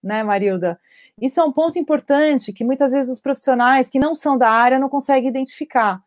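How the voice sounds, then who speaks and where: Woman addiction counselor on a video call live stream, animated and lively, fairly high voice, keeps checking in with the listener. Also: fast talker. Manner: animated, acts out parents' quotes, frequent tag questions. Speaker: addiction treatment professional.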